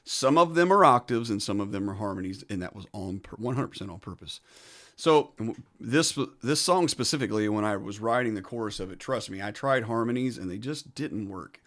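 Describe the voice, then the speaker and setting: A man casually walking through how he recorded his own song, talking in a relaxed, conversational way. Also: fairly low pitch, fairly quick. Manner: laid-back and conversational, says "man" and "so". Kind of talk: casual studio walkthrough.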